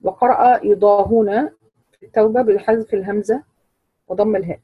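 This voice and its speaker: Woman teacher, dry close sound, measured explainer who quizzes the class. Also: medium pitch, husky, no echo, phone-quality sound. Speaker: Quran recitation teacher.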